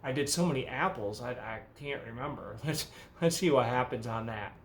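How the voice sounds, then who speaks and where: A man's voice: medium pitch, normal speed, slight background noise. A man giving a casual guitar lesson, counting beats and chanting a word for each strum pattern. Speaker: guitar teacher. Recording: guitar playing underneath.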